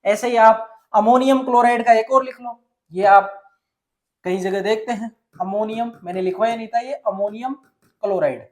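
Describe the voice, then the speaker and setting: A man's voice: high-pitched, normal speed. Man, science teacher, step-by-step classroom explaining, asks and answers his own questions. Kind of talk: classroom chemistry lesson.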